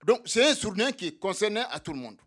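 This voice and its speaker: A man's voice: high-pitched, very animated, a little fast, a bit bright. A man giving a militant speech to comrades at a solidarity evening, speaking for undocumented migrants and repeating his points to rally the room. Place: meeting hall.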